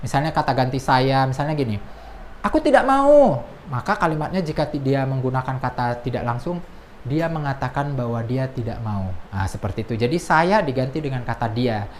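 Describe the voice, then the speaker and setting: Low-voiced woman teaching a lesson. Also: brisk, a little hiss or hum. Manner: explanatory, reads example quotes in a raised voice. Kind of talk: classroom lesson.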